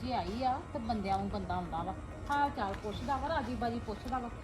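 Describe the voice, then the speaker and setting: A woman's voice: sits high, brisk, recorded from a distance, over music, natural voice. A woman playing a resentful wife and mother who grumbles bitterly about her husband's sister, in a scripted family drama. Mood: muttering. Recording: very echoey room from off-mic.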